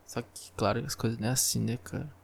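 Gravelly Brazilian man ranting on a podcast. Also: mid-range voice, steady tone, fast. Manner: ranting, profane, exasperated. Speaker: podcast host. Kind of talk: solo podcast monologue. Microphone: close podcast microphone.

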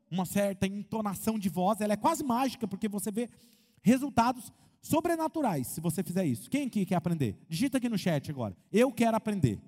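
A Brazilian man preaching as a pastor, animated, asking the crowd questions and acting out quotes. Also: high voice. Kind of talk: lively sermon with humor. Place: church hall. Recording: long hall reverb.

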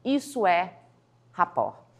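A woman teaching communication skills in a lively video lesson, acting out little scenes as she goes. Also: on the low side, takes it slowly. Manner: animated, acts out little scenes in quotes. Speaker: communication coach.

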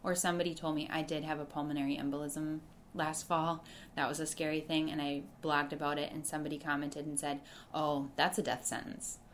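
A woman talks earnestly as a podcast guest. Her voice sits a little low, with faint background noise in the recording. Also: little pitch movement. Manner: earnest, reflective, talks in quick restarts. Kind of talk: casual interview chat.

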